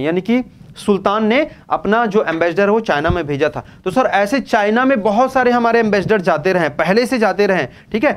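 A young male tutor with a fairly high voice gives an exam-prep current affairs lesson. He talks in a chatty way, poses questions to his class and answers them himself, and slips English terms into his Hindi. Faint background noise sits under his voice. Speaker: teacher.

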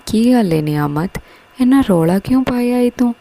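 A woman's voice: a little high, lively intonation, normal speed, gravelly, warm tone, pitched above the performer's own voice. A woman voicing a stern, scolding middle-aged village headman in a story. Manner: scolding, commanding.

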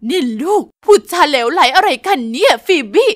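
Woman playing a pushy ambitious mom, kinda high voice, dry close recording. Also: expressive, fast, no echo. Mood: scolding. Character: pushy adoptive mother, ambitious and emotional.

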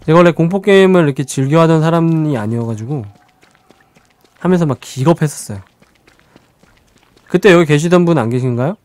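A man's voice: on the high side, lively intonation, a little fast, long pauses, darkish tone, no room sound. A man streaming a survival game with live let's-play commentary, chatting with viewers and talking to the creatures on screen.

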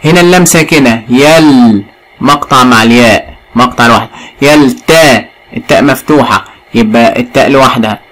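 Man, Egyptian accent, primary school teacher, recorded lesson, slow spelled-out drilling, frequent praise, medium pitch. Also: fairly bright tone, poor audio. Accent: Egyptian Arabic. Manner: drills answers, praises often, spells words out slowly. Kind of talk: recorded lesson for young pupils.

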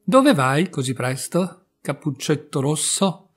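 A man voicing a cunning wolf in a storybook reading, speaking slowly and coaxingly, with soft music behind. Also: a little high, sing-song, breathy edge, exaggerated voice. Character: cunning wolf, smooth and predatory.

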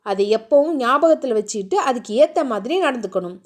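A woman voicing a gruff but caring young husband in a storybook reading, speaking in clipped, lowered commands. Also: animated, brisk, close to an everyday voice. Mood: tender.

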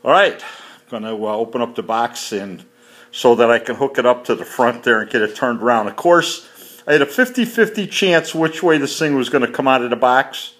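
A home mechanic walks casually through his garage reviewing a tool, filmed on a handheld phone in an unscripted walkthrough. His medium-pitched voice is fairly bright and a little fast, and he speaks off the cuff in a matter-of-fact way, full of fillers.

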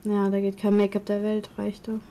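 A woman's voice: medium pitch, completely flat delivery, moderate pace, dark tone, rough recording. A woman chatting casually on a stream, teasing her partner and fretting about how she looks. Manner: teasing, self-critical. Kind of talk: casual chat.

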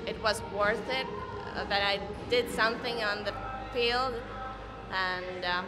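A woman's voice: mid-range voice, measured pace, heavy background noise. A young woman with a Latvian accent, a floorball player answering post-game interview questions in English, hesitant with many fillers. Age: young adult. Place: indoor arena by a sponsor backdrop. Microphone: handheld mic.

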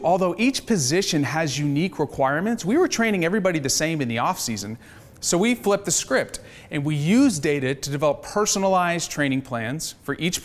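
A man who founded a startup gives an energetic, upbeat business pitch to a panel of investors. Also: in a large hall. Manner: energetic, upbeat salesman's delivery.

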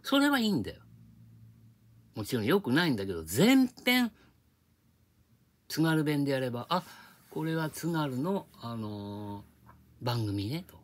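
A man's voice: mid-range voice, big pitch swings, measured pace, pauses often. A man hosting his own video channel, talking in a casual rambling monologue and explaining his points with rhetorical questions, recorded on a tablet microphone.

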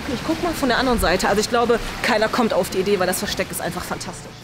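Over music, a young adult woman with a medium-pitched voice talks in a rapid-fire, expressive way. She's the host of a YouTube challenge vlog, set in a large indoor pool hall, musing aloud to the camera in a relaxed, chatty manner.

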